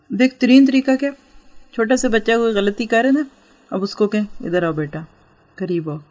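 A woman teacher giving an instructional talk on parenting and religious outreach, explaining gently and asking her listeners rhetorical questions. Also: on the low side.

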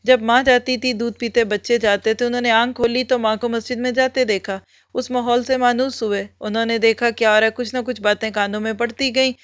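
A woman's voice: fairly high pitch, steady tone, fairly quick, smooth, no echo. A woman giving an Islamic religious lecture, explaining step by step and posing rhetorical questions that she answers herself. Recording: muffled lo-fi recording.

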